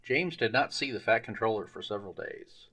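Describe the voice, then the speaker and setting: A man narrating a children's railway storybook in an expressive, measured way. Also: on the low side. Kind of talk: storybook reading.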